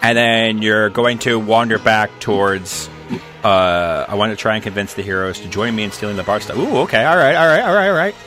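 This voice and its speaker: Male game master, bright voice, loose rambling narration. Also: on the low side, a little fast, faint music behind. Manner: loose, rambling, many restarts.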